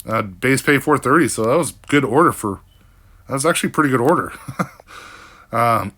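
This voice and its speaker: A man's voice: mid-range voice, expressive, normal speed, sharp tone. An older man giving a casual, rambling recap vlog as a delivery driver, frank and full of fillers. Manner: rambling, frank, with frequent fillers and mild cursing.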